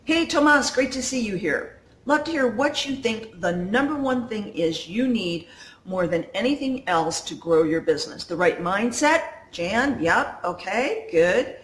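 A woman's voice: medium pitch, a bit bright. A woman coach hosting a live stream in natural, unscripted, conversational talk, addressing viewers directly, recorded indoors on a phone. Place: indoors at home in a condo. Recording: roomy, echoey sound.

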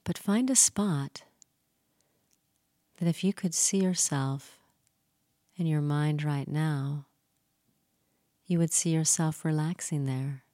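A woman leading a guided relaxation and hypnosis session, speaking slowly and soothingly with gentle repetition and some soft whispered phrases. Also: low-pitched, no room sound, clean studio sound.

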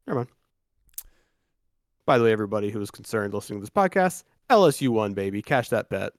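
A man's voice: fairly low pitch, big pitch swings, racing, no echo, clean studio sound. A man co-hosting a sports podcast in loose, casual chat, swearing freely and restarting his sentences often. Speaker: podcast co-host.

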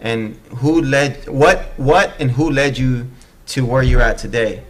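A man's voice: medium pitch, measured pace, a little hiss or hum, rough recording. A man hosting a live podcast episode, greeting guests with casual street slang and easygoing energy. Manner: hype, laid-back street slang. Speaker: podcast host. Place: Houston.

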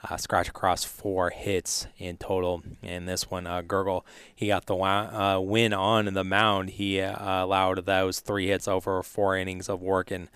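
A man hosting casual live sports radio, halting often with fillers. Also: low voice, completely flat delivery, fairly bright tone, clear, resonant tone, no echo. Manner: halting, filler-heavy delivery. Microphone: close studio radio microphone.

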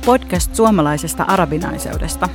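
A woman's voice: lowish voice, lively intonation, fast talker, music in the background. A woman co-hosting a podcast, introducing the episode in a light, friendly way. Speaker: podcast co-host.

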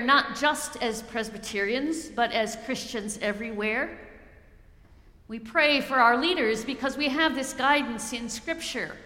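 A middle-aged woman pastor preaching a sermon, measured and slowing down to stress key phrases. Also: on the high side, sharp tone. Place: church sanctuary. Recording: echoey church hall.

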